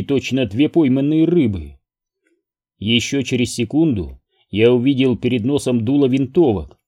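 A man narrating an audiobook in a steady, wry first-person manner. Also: medium pitch. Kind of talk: scripted narration.

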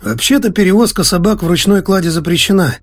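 A man's voice: very animated, brisk, a little mellow, husky, soft background music, exaggerated voice. A man doing a dry, bureaucratic radio controller. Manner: dry, formal, drops low on each "sir". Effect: radio transmission.

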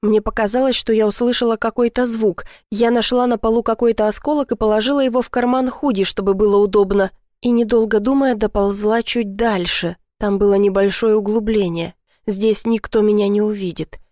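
A woman's voice: mid-range voice, fairly even intonation, fairly quick, darkish tone, no room sound, studio quality. Woman narrating a tense first-person story. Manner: tense, dramatic reading with voiced dialogue. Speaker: audiobook narrator.

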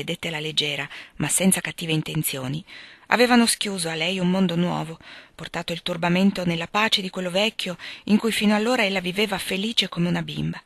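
A woman reading a classic novel aloud as audiobook narration, calm, measured and expressive. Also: lowish voice, no room sound. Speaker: audiobook reader.

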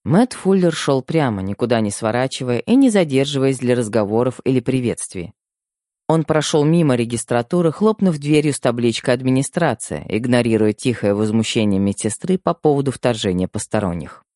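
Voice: mid-range voice, expressive, fairly quick, warm tone, no echo, studio quality. An audiobook narrator giving an emotional first-person telling.

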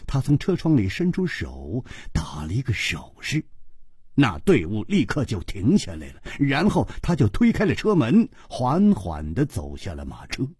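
Man, storyteller, traditional storytelling, husky, very animated pitch, slow, dramatic. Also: dry recording, studio quality. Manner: dramatic, acts out each figure, wide swings in pitch and loudness.

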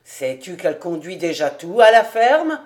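A woman's voice: on the low side, sing-song, a little slow. A woman doing a teasing, jovial gourmand. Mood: cheerful. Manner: teasing, half-serious. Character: jovial well-off man, teasing, fond of food. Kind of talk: audiobook character reading.

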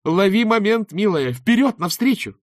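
A man voicing an excitable young female TV presenter who gushes and exclaims. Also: medium pitch, normal speed, no echo, studio quality, pitched above the performer's own voice. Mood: ecstatic. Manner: gushing, exclamatory.

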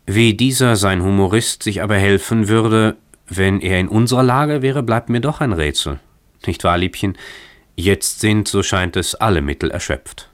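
A man's voice: on the low side, moderate pace, dry recording, close to an everyday voice. A man voicing a cheerful, playful young husband, speaking in an exuberant, mock-grand tone in a radio story reading. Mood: jovial.

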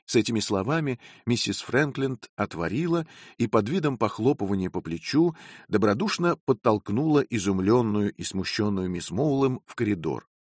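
Steady male audiobook narrator. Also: fairly low pitch, dry recording, clean studio sound.

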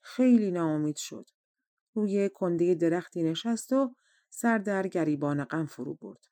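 A woman narrating a folk tale for an audiobook in a steady, measured storytelling manner. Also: on the low side, no room sound. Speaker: audiobook reader.

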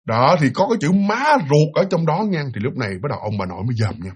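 Here a man with a Southern Vietnamese accent shares a ghost story offhandedly, talking straight to his audience and leaning heavily on fillers. He talks fast, with a slightly rough voice on the high side, and an animated delivery.

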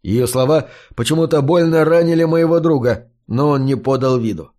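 A man narrating a story in the first person in a measured audiobook reading. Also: a little high, dark tone.

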